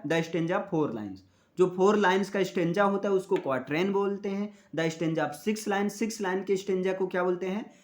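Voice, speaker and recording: High-voiced teacher, slow and deliberate. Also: male voice. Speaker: English literature teacher. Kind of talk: classroom-style lecture mixing Hindi and English.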